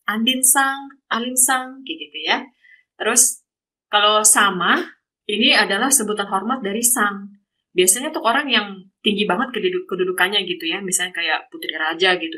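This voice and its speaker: A woman's voice: mid-range voice, sharp tone, rough recording. A woman from Indonesia, a guest speaker giving a casual online lesson over a video call, explaining step by step with many examples. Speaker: guest speaker teaching Japanese.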